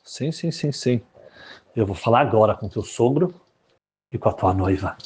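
A man voicing a grave older rabbi who scolds quietly and firmly. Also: on the low side, lively intonation, normal speed, slight background noise, lightly acted. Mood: stern. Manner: firm, hushed, admonishing. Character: stern older male rabbi, firm and grave.

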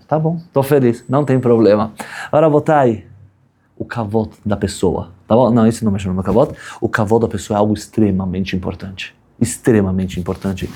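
A man teaching a religious class as an animated storyteller, acting out the voices of people in his story and checking in with his listeners often. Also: fairly low pitch, breathy edge. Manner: animated storyteller, acts out quoted voices, asks "tá bom?" often. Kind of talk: storytelling sermon.

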